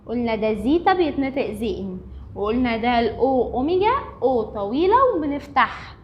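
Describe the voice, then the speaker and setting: Egyptian woman teacher, patient step-by-step explainer, somewhat high voice, dull lo-fi recording. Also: lively intonation, a little fast, a little hiss or hum. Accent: Egyptian Arabic. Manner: patient, repeating each point step by step. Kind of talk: recorded language lesson.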